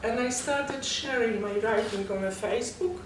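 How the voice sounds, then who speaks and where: A woman with a strong echo around her speaks in halting English with a Polish accent, her voice fairly high. She gives a personal account as an interview guest, picked up from away from the mic. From Poland. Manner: halting, non-native English phrasing. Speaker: guest, poet and novelist. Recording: very echoey, distant mic, noisy background.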